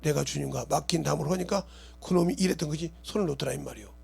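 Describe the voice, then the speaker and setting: Gravelly, husky-voiced man preaching a sermon. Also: fairly high pitch, quick pace. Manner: swings from loud shouting to quiet murmurs, asks the congregation questions. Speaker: pastor.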